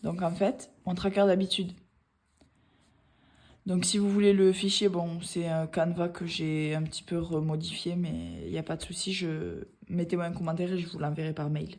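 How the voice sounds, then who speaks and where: A woman's voice: fairly low pitch, flat delivery, normal speed, a little mellow. A woman, chatting casually in a vlog, rambling with many hesitations. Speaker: budgeting vlogger. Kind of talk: casual chat.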